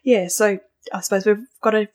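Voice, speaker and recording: A woman's voice: medium pitch, fairly even intonation, moderate pace. A woman co-hosting an interview podcast in a conversational style. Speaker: podcast co-host.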